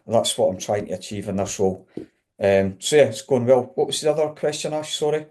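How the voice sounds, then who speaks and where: A man's voice: mid-range voice, lively intonation, fairly quick, darkish tone. A middle-aged man with a broad Scottish accent, informally introducing his career as a webinar guest. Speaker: guest, chief technology officer.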